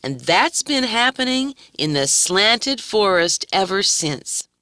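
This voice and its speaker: Woman, kids' story narrator, bright, dry, slow. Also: medium pitch, dry recording. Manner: gentle, expressive.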